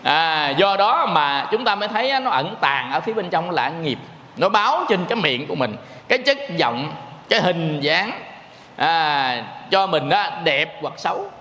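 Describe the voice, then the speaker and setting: Monk giving a sermon, kinda high voice, jokey and folksy, big echoey hall. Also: male voice, big pitch swings, moderate pace, bright, forceful tone. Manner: folksy, joking, addresses listeners as quý vị. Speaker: Buddhist monk preacher. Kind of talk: dharma talk sermon.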